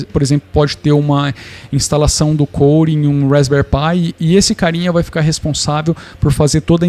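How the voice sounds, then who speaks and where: A man's voice: a little high, a little mellow. A man with a Brazilian Portuguese accent explaining home media setups in a casual, conversational way, restarting phrases and checking in with the listener. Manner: conversational, thinks aloud with restarts and tag questions. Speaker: tech channel host. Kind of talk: casual explanatory tech talk.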